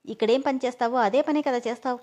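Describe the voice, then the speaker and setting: A man's voice: very high voice, quick pace, a little mellow. A woman voicing a stubborn young male boss who speaks firmly and insistently. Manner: firm, insistent. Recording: dull lo-fi audio.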